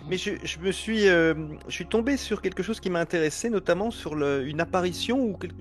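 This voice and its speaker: Curious male interviewer, slightly higher voice. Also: brisk. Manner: warmly curious, hesitant with many "euh" and restarts. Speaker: interviewer, host. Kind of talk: casual interview.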